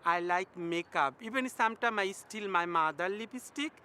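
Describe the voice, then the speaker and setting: A woman's voice: medium pitch, lively intonation, moderate pace, bright, forceful tone, a little hiss or hum. A woman from Bangladesh, speaking simple broken English in a documentary interview, earnest and direct. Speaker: volunteer.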